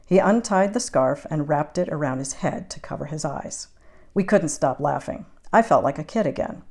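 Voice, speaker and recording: A woman narrating a romance audiobook in the first person, measured and intimate. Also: deep voice, mellow. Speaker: audiobook reader.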